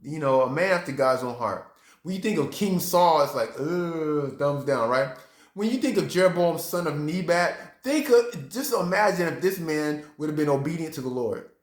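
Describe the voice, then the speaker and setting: A man preaching a sermon with a high voice that leaps and dips as he talks to his congregation. He acts out reactions and breaks into sudden high exclamations. The sound carries a roomy echo. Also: expressive, normal speed. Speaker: pastor.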